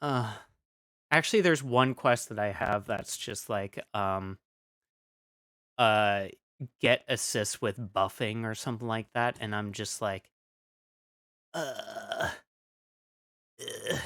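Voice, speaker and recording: A man's voice: fairly low pitch, takes it slowly, a bit bright, smooth, no room sound, clean studio sound. A man streaming casually, rambling with many fillers as he reads chat aloud, still coughing after an illness.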